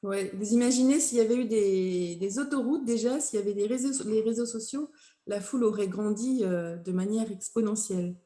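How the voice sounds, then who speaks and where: A woman's voice: medium pitch, a little fast, warm tone. A woman hosting a podcast, asking questions, recapping and commenting in a conversational way. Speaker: podcast host. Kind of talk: conversational interview. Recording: echoey room.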